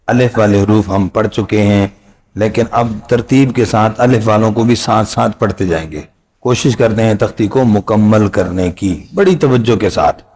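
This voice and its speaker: A middle-aged man teaching Quran reading in a casual spoken lesson, explaining patiently and repeating phrases and drawn-out letter sounds. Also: lowish voice, a little mellow.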